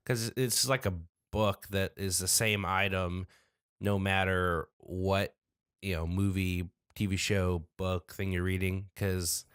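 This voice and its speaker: Low, smooth-voiced man, rambling. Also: fairly even intonation, slow pace, a bit bright, dry recording, studio quality. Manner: rambling, trails off with fillers. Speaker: podcast co-host. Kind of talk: casual chat.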